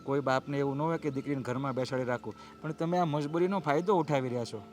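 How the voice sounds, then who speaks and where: A middle-aged actor playing a humble father who pleads earnestly and tries to calm others. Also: mid-range voice, fast talker, soft background music, lightly acted. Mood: pleading. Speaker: actor in a family drama.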